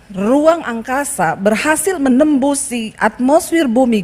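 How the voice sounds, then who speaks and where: High-voiced woman pastor preaching in a reverberant hall. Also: a little mellow. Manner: emphatic preaching, rising to exclamations, chatty asides to the congregation. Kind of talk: sermon. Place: church hall.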